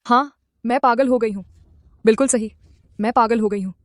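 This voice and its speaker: An actress dubbing a vengeful wife back from an asylum, cold and commanding. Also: female voice, fairly high pitch, normal speed, no room sound, clean studio sound, close to an everyday voice. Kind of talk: Hindi dub of a drama.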